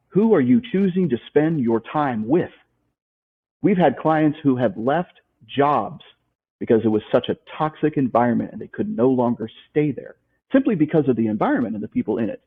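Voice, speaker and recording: A man's voice: mid-range voice, husky. A man speaking as a life coach guest in an interview, emphatic and motivational, repeating his key points and asking rhetorical questions. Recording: tinny phone-like line.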